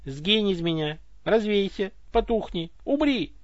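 Guy putting on a mean bossy tsar voice in someone's head, high, loud and swooping, dull dry audio. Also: sing-song, moderate pace, no room sound. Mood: furious. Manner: scornful, cursing. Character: arrogant foul-mouthed tsar voice inside a head.

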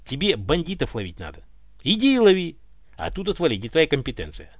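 A man's voice: fairly high pitch, wildly swooping pitch, brisk, slightly rough, dry recording, clean studio sound, full character voice. A man voicing a cocky, mocking space smuggler in an audiobook, taunting as he talks. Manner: sneering, taunting.

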